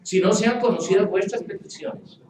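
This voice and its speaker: Male pastor, animated and playful sermon delivery, heard from a distance in a roomy church. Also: sits high, moderate pace, slight background noise. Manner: animated, playful, acts out quoted voices. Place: church hall with congregation.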